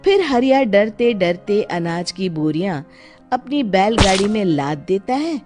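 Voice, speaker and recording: Woman storyteller: mid-pitched, expressive narration over soft music. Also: a little slow.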